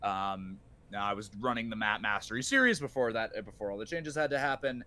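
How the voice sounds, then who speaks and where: A man who coaches esports, chatting on a live podcast, animated and casually swearing, trailing off quietly at times. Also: on the low side, brisk.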